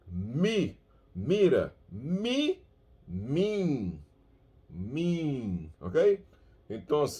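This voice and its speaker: A man giving a language lesson who speaks slowly, repeats words and sounds them out, checking in often with his listeners. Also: on the high side, darkish tone. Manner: keeps checking in with "ok?". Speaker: language teacher. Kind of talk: bilingual Bible-verse language lesson.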